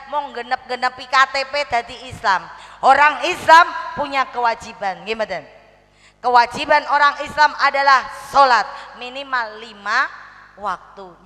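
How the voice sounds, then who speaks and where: A woman's voice: high voice, pushed and bright. A woman with a Javanese accent, preaching to a women's gathering in a humorous, chatty way and slipping into Javanese. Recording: long hall reverb.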